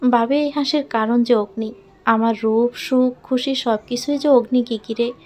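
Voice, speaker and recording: A woman narrating an emotional love story in the first person, in a soft, heartfelt and earnest way. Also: fairly high pitch, fairly even intonation, moderate pace.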